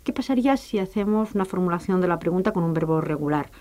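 A woman co-presenting a grammar lesson, asking measured questions that prompt the explanations. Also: fairly low pitch, animated, warm tone. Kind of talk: educational radio lesson.

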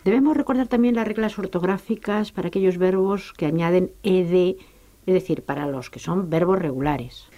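A woman co-presenting a grammar lesson, asking measured questions that prompt the explanations. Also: fairly low pitch, warm tone, highs cut off. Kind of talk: educational radio lesson.

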